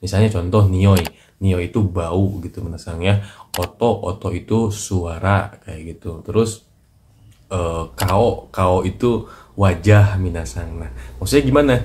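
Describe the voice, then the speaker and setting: A man teaching in a casual, chatty way, trailing off softly at the ends of his lines. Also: sits low, unhurried. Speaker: Japanese language teacher. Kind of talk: casual lesson in short clips. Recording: noisy recording with clicks.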